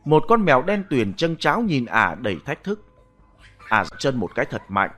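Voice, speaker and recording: Male narrator, horror story reading, animated, dramatic, soft music behind. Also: mid-range voice, normal speed. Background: soft background music.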